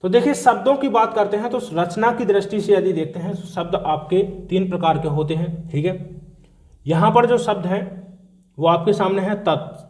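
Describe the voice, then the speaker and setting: A man's voice: high-pitched, moderate pace, darkish tone. A man teaching an exam-prep grammar lesson, explaining step by step and answering his own questions.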